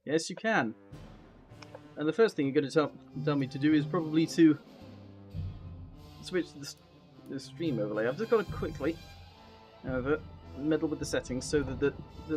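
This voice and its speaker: Higher-pitched man streaming on a headset mic. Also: moderate pace, long pauses, darkish tone, soft background music. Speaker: game streamer. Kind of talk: casual live game stream chat.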